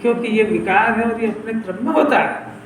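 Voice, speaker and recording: A man's voice: high voice, a little fast, echoey room, background noise. A man giving a scripture sermon, explaining and often asking his listeners whether they have understood. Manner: explanatory, questioning listeners, lively. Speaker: Jain scripture teacher. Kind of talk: sermon discourse.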